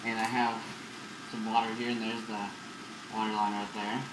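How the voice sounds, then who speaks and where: Young guy, vlogger muffled through a gas mask, rambling and casual, echoey room with loud noise behind. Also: fairly low pitch, normal speed. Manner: relaxed, rambling, filler-heavy. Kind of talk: casual product demo.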